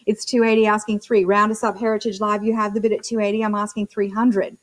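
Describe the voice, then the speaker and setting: A woman's voice: medium pitch, level tone, fast talker. A woman working as a live auctioneer, chanting bid numbers and prompts between short descriptions of the lots.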